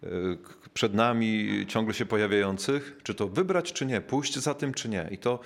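A man preaching a reflective sermon, measured and unhurried, slowing down to stress key words and pausing with small filler sounds as he searches for his thought. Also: fairly low pitch.

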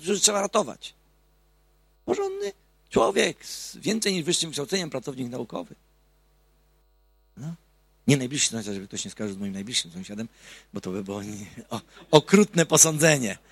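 A man giving a lively talk to an audience, firing rhetorical questions and swinging between loud outbursts and quiet asides, with a husky voice. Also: mid-range voice, dry recording. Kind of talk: lively public talk on marriage and society.

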